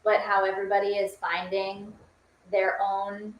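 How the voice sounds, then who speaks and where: Woman, medium pitch, echoey room, casual chat, enthusiastic delivery. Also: completely flat delivery, a little slow, highs cut off. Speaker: production team member on a stream. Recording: roomy, with light background noise.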